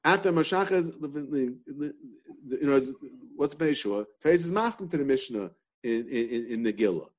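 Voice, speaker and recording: A man's voice: medium pitch, animated, normal speed, highs cut off. Man teaching a Talmud class. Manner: repetitive, questioning, restarts often.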